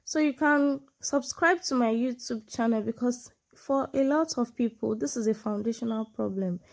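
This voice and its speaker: A woman from Nigeria, an online English exam tutor, speaks informally to camera with a Nigerian accent, English being her second language after a Nigerian one. Her sonorous voice is fairly high and gravelly, at a moderate pace. She teaches through examples and regularly checks in with "you know" and "yeah".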